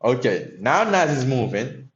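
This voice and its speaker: A man's voice: mid-range voice, sing-song, unhurried, muffled recording. A young man from Haiti, commenting on his trades live and chatting with viewers in a loose, profane way. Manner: loose and profane, talks to chat. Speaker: live-streaming day trader. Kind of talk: casual live-stream commentary.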